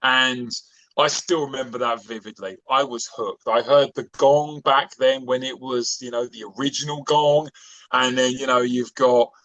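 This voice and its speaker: A man's voice: medium pitch, fairly even intonation, normal speed, fairly bright tone, dry recording, highs cut off. A man in his forties chatting on a podcast as a guest, rambling and enthusiastic, with plenty of fillers. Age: 40s. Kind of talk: casual chat.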